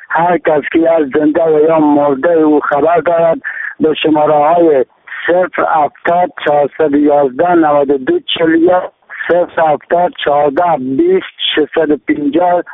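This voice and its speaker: A man's voice: fairly high pitch, gravelly, dry recording. A man with an Afghan Dari accent comes through a thin, phone-like line on the radio, dry and close. He lists names and phone numbers in a slightly raised voice, reading his missing-person message like a notice. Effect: heard over a phone line on the radio.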